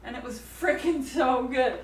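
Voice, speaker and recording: A woman chatting casually while she cooks, upbeat and quick with a laugh. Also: high-pitched, a little hiss or hum. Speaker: co-host. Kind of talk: casual chat while cooking. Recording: echoey room, mic far off.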